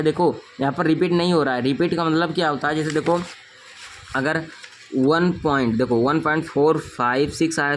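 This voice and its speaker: A man's voice: a little high, a bit bright, slight background noise. A young man teaching a school math lesson, who keeps checking "okay?" and calls his students dear children. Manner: repeats "thik na" often, addresses students as dear children.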